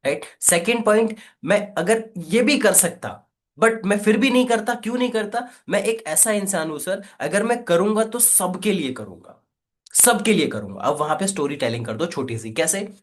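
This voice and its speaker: Energetic male sales coach, slightly high voice, pushy call-and-response teaching. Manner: energetic, coaxing, repeats "right?" and "quickly". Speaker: affiliate marketing trainer. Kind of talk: live online training session.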